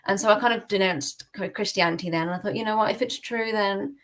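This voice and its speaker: Speaking quickly in a mid-range, slightly bright voice, a young British woman recounts her personal story with candor as a podcast guest offering testimony. Her tone is relaxed and reflective, full of "like" and "you know".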